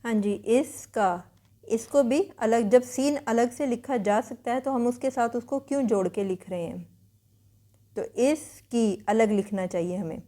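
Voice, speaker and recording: Patient woman teacher with a mellow voice. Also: a little high, measured pace. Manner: patient, explanatory. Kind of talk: explaining spelling rules.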